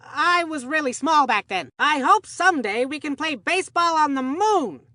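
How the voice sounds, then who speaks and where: An old grandpa, cheerful and forgetful, calls the action as sports commentator in a children's cartoon baseball game. His high voice is piercingly bright, recorded very dry and close, and he rambles at a moderate pace in an excitable, folksy way.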